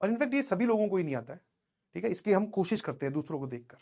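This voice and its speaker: A man's voice: sits high, big pitch swings, fast talker, vocal fry, dark tone. A male teacher giving students a conversational motivational talk, telling stories from his own student days and often checking that they follow. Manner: conversational, keeps checking in with listeners; tells personal anecdotes.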